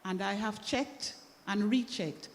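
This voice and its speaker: A woman's voice: medium pitch, slow. A woman speaking as a panelist in a church discussion, earnest and emphatic. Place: church hall. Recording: echoey hall, faint background noise.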